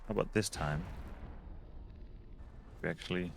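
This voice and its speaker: Low-voiced man musing over a game. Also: unhurried, creaky, a little hiss or hum. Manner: musing, thinking aloud. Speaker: gamer. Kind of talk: casual let's play commentary.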